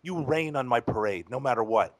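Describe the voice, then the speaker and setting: A man's voice: mid-range voice, animated, brisk, no echo. A man co-hosting a casual podcast, rambling, profane and self-mocking. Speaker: podcast co-host.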